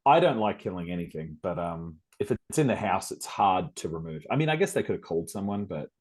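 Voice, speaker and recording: This podcast host, an Australian-accented man from South Australia, keeps a casual interview going with rambling chat and many fillers. His voice sits low and sounds a little mellow, moving briskly with a sing-song lilt.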